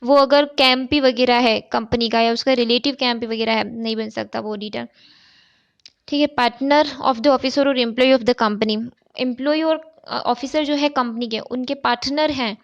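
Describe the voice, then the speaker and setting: A woman's voice: a little high, steady tone, moderate pace, vocal fry. A woman chartered accountancy tutor, explaining step by step in a recorded exam-prep lecture. She poses questions and then answers them, and often checks in with "okay". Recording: dull, lo-fi recording.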